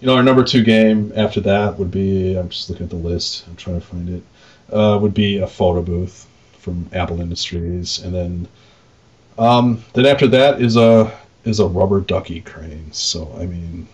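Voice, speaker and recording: A deep-voiced man talks at a normal speed, co-hosting a podcast where he rambles through unscripted shop talk with a bit of mildly crude slang. He runs arcade games, and the lo-fi recording sounds dull.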